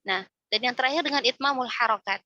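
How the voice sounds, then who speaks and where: A woman's voice: on the high side, fast, pushed and bright, no echo, highs cut off. A woman teaching a religious class on Quran recitation, explaining step by step and often ending phrases with a questioning "ya". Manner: explains step by step, frequent tag "ya", demonstrates recitation aloud.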